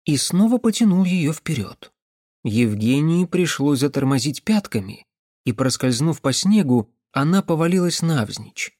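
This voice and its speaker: A man narrating a novel as an audiobook in an expressive storytelling manner. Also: on the high side, unhurried, no room sound, clean studio sound. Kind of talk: scripted narration.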